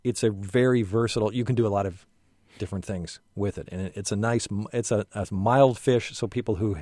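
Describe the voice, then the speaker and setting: A man hosting a radio call-in show, speaking in a measured way and thinking aloud with a few restarts. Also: lowish voice, steady tone, mellow, no room sound, clean studio sound. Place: radio studio.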